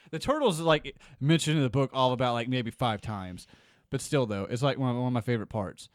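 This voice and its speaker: A man's voice: medium pitch, lively intonation, a little fast, no room sound, clean studio sound. A young man co-hosting a podcast, talking casually and swearing freely in long rambling runs. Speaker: podcast co-host. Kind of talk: casual chat.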